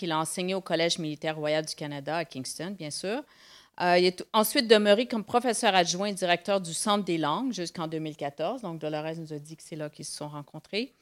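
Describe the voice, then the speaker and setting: Hesitant woman moderating a panel. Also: fairly low pitch. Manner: hesitant, repeating words.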